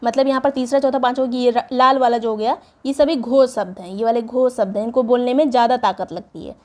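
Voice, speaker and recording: Female teacher with a high voice, exam prep class, methodical, reads out word lists. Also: fairly even intonation, quick pace. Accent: Hindi, North Indian. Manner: explains step by step, reads word lists aloud.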